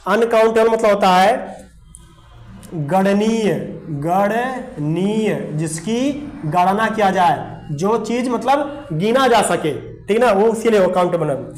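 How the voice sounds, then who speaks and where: This high-pitched male teacher takes an unhurried pace through a whiteboard grammar lesson, spelling each word letter by letter. He checks in with the class over and over, saying "देखिए" and "ठीक ना" repeatedly, in an echoey room with faint background noise.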